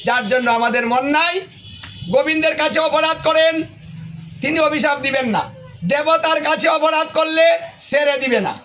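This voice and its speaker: A man's voice: very high voice, moderate pace, fairly bright tone. A male preacher giving a devotional sermon, emphatic and full of rhetorical questions.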